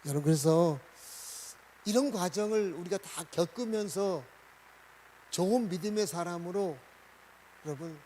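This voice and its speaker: A man preaching a Sunday sermon as pastor, asking the congregation questions and swinging between loud and soft. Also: high voice, unhurried, long pauses, a little hiss or hum, low-quality recording.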